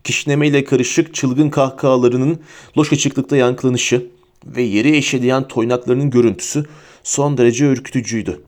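A man narrating a fantasy story as an audiobook reader, steady and vivid. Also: mid-range voice, moderate pace. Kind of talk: storybook reading.

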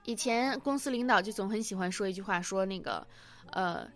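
A woman's voice: mid-range voice, fast talker, fairly bright tone. A woman in her late twenties hosting a casual home podcast, chatty and self-mocking, often giggling as she tells stories. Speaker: podcast host. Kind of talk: casual personal radio chat.

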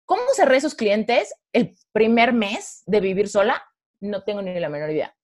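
A woman's voice: medium pitch, lively intonation, normal speed. A woman in her thirties with a Mexican accent, a podcast guest telling her own story in casual conversation and acting out her past thoughts.

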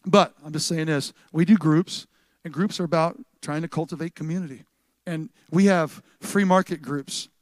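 Animated pastor, fairly high voice. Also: male voice, normal speed, no echo. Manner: animated and conversational, with frequent restarts and swings in loudness. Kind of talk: sermon with church announcements. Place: church service with a live congregation.

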